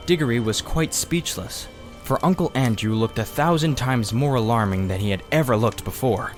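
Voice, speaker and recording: A man reading a children's story aloud as expressive scripted narration. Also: medium pitch, normal speed, soft background music. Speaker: audiobook reader.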